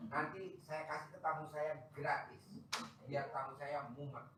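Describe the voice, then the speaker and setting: A man, hosting and chatting loudly and teasingly with visitors. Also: a little high, level tone, unhurried, background noise. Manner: joking, boisterous, loud and teasing. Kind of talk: casual chat with visitors. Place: large echoey space, maybe a sheep barn. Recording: very echoey, distant mic.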